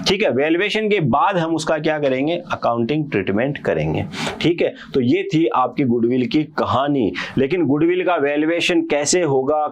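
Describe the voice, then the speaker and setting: A young male teacher explains an accounting idea through a playful story, giving each character a short quoted voice. His talk is easygoing and chatty, and he keeps checking that his students follow along. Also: medium pitch. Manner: acts out partners' quarrels with a CA in quoted voices; checks in often with repeated questions. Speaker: commerce teacher. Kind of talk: casual Hindi lecture with playful storytelling.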